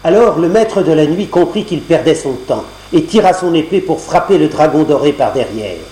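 A male storyteller reads a fairy tale aloud, measured and expressive. His voice is mellow and slightly high for a man. The old cassette recording sounds roomy, with a faint hum underneath.

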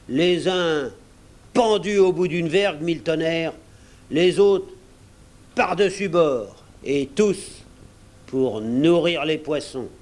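A man's voice: fairly high pitch, pitched above the performer's own voice, close to an everyday voice. A man doing Long John Silver, old bullying pirate. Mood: menacing. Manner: blustering, threatening, coarse sailor's talk. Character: old one-legged pirate cook, cunning and menacing.

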